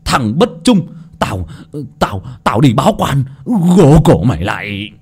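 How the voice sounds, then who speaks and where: A man's voice: mid-range voice, big pitch swings, slow pace, darkish tone, breathy edge, exaggerated voice. A man voicing a greedy, pompous old village rich man in a folk tale, blustering and puffed up. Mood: furious.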